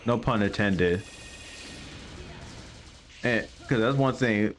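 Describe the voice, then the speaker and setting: A man's voice: on the low side, takes it slowly. A man giving casual live gameplay commentary as a streamer, explaining as he plays. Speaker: game streamer. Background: game music.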